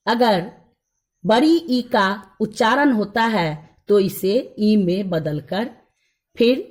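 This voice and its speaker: A woman teaching a grammar lesson to young schoolchildren. She speaks at a very slow, deliberate pace in an ordinary mid-pitched voice. She repeats each rule and word list with patient care. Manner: addresses pupils fondly as children.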